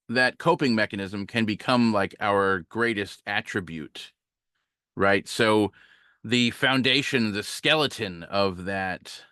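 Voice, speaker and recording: A man giving a relaxed, conversational guest sermon as a minister, reflective and full of small fillers and restarts. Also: on the low side, clean tone, dry recording, clean studio sound. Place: online talk, home setup.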